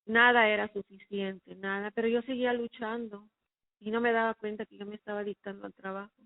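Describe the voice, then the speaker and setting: A woman's voice: mid-range voice, flat delivery, fairly quick, no room sound. A woman giving a personal faith testimony, recounting her past in an earnest, emotional way. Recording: phone-like narrow sound, dry.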